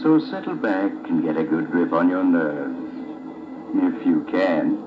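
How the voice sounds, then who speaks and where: An actor playing an ominous, courteous mysterious traveler who narrates eerie tales in a theatrical, deliberate 1940s radio style. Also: male voice, low-pitched, animated, noisy background. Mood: eerie, inviting. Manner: theatrical, deliberate, sinister invitation. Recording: muffled old radio recording with loud music.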